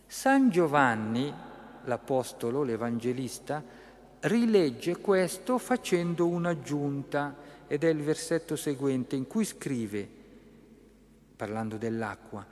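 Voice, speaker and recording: Slow-preaching man in a reverberant church. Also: medium pitch, expressive. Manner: slow, emphatic, with rhetorical "no?" tags. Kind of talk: sermon on the Gospel.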